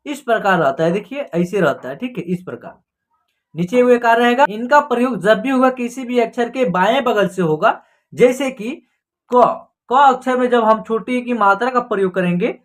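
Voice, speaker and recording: A woman teaching beginners to read in an online class, spelling out each letter and then asking and answering her own questions about how the word sounds. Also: fairly high pitch. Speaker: Hindi reading teacher. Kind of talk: online beginner reading lesson.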